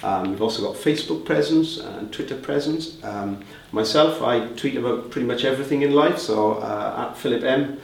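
A Welsh reseller-group head talks through interview answers casually, using fillers and restarting often. His gravelly, mid-range voice moves at a moderate pace with few pauses, picked up by a distant mic in a roomy space with faint ambience.

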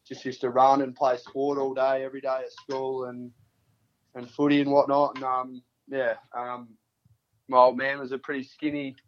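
A man's voice: mid-range voice, completely flat delivery, moderate pace, lo-fi sound. A man in his early twenties from country Australia, with a laid-back, laconic Australian drawl, answering casually as a footballer in an interview. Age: early 20s.

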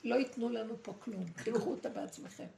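A woman giving a dramatic, preachy spiritual talk to a group, with pointed pauses. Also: fairly high pitch, creaky, a crowd in the background. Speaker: spiritual teacher. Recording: echoey room, faint noise.

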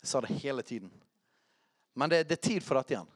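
A man preaching a charismatic sermon, chatty and self-correcting, who shouts out scripture. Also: medium pitch, lively intonation.

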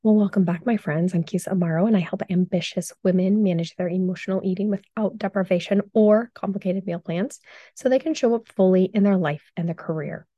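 Woman host, hoarse voice, casual and chatty, dry close sound, mid pitch. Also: a little fast, no echo, dull audio. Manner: chatty and upbeat, with fillers like "um" and "like". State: hoarse, recovering from lost voice. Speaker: podcast host and health coach. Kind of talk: casual solo podcast talk.

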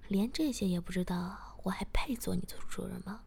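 A woman's voice: on the low side, a little fast, vocal fry, darkish tone, breathy edge, exaggerated voice. A woman reading the lines of a teasing, self-assured young man in a spoken story, in her own voice.

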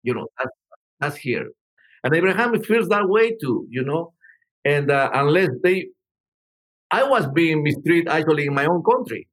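Answering interview questions with stories, the older Peruvian musician has a fairly high, somewhat bright voice with wide pitch swings at a moderate pace and long pauses. He rambles and restarts, saying "you know" often, on a rough recording.

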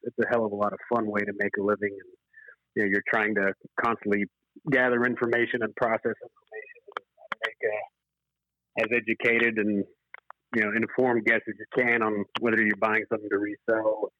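A horse racing professional in his forties is the guest in a relaxed interview, held over a boxy, echoey, band-limited remote call with lo-fi sound. His voice sits on the low side, level in tone and at a normal speed. Earnest and reflective, he speaks in stop-start phrases, with roots in Zimbabwe and life in California from age eight.

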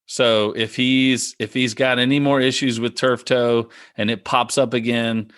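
A man's voice: medium pitch, little pitch movement, unhurried, a bit bright, smooth, no echo, clean studio sound. A man in casual sports talk among friends, repeating his predictions emphatically with many restarts. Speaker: podcast co-host.

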